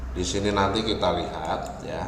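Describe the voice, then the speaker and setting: A man giving an online lecture on music software, explaining slowly and often ending phrases with a checking "ya". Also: low-pitched. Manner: explains slowly, with frequent "ya" tags. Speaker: university lecturer. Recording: echoey, reverberant room, faint ambient noise.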